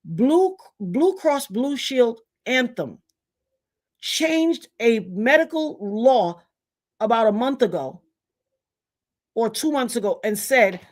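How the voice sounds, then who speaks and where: Middle-aged woman, Trinidadian accent, high-pitched livestream host, emphatic and fed up. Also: sing-song, takes it slowly, pauses often, darkish tone. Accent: Trinidadian Caribbean. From Trinidad, raised in Brooklyn. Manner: indignant, emphatic, preachy. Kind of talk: livestream commentary rant.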